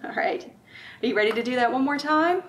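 This middle-aged storytime host speaks fairly quickly in a high voice with lively intonation, reading and chatting to children in plain language. Simple questions to her listeners come up often. She's in a library room with bookshelves, recorded from a distance with room noise audible.

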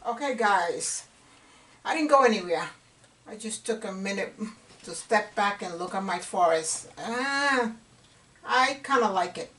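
A woman's voice: mid-range voice, expressive, unhurried, a bit bright. A middle-aged woman giving a casual painting lesson, encouraging and chatty, sometimes dropping to a whisper as she works. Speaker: painting instructor. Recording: distant camera mic with faint room noise.

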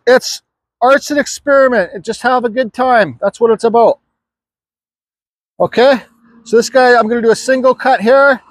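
Out in a yard, a middle-aged man gives an offhand, chatty chainsaw carving lesson, talking while he works in a casual how-to demonstration. His voice is very high-pitched, picked up dry on a nearby camera mic.

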